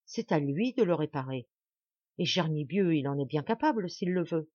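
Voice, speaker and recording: A woman's voice: low voice, lively intonation, normal speed, a little mellow, husky, no echo, lo-fi sound. A woman reading the part of an older duke who mutters and then speaks out firmly. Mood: brooding. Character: older male duke, proud and scheming.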